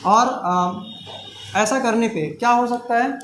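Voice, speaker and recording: A man's voice: very high-pitched, slow pace, fairly bright tone. A middle-aged man teaching a math class, asking students questions and then giving the answers himself. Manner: call-and-response questioning. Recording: echoey classroom with faint hiss.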